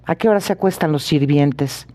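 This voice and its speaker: A man voicing a precise, calmly probing male detective in an audiobook reading, with polite, measured questions. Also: fairly high pitch, lightly acted.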